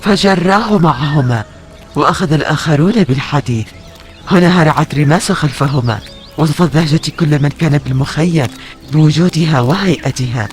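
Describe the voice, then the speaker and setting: A man narrating an audio novel in a measured storytelling manner. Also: on the high side, faint music behind.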